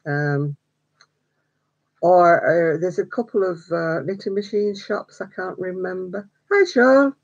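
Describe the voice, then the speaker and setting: Speaking slowly in a lowish voice, an older crochet vlogger runs a casual live stream, chatty and greeting viewers by name with little laughs in between. Her home stream audio is a bit dull.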